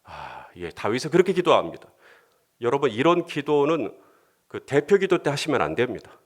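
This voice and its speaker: A male pastor preaching in a casual, conversational way. His voice swings widely in pitch and becomes more heated when he voices prayers. He sits at an ordinary pitch for a man. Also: very animated, moderate pace. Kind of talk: sermon.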